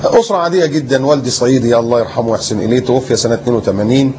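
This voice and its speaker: A preacher in his fifties with an Egyptian accent tells his story as an interview guest, speaking very fast at a medium pitch. He is a lively storyteller who acts out what people said to him. The recording is muffled, with a noisy background.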